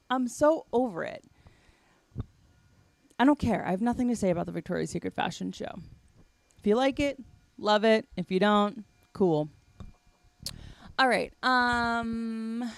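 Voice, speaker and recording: Woman host, casual rambling talk, mid pitch, dry room. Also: vocal fry, no echo. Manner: chatty, rambling with fillers. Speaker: podcast host. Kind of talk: casual chat.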